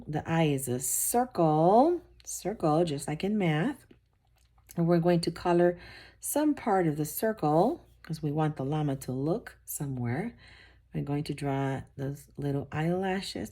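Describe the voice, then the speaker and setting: A woman with a low voice teaches children to draw, one simple step at a time. She talks slowly and patiently, repeating instructions and reassuring them. Her tone stays encouraging throughout the lesson. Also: lively intonation, warm tone.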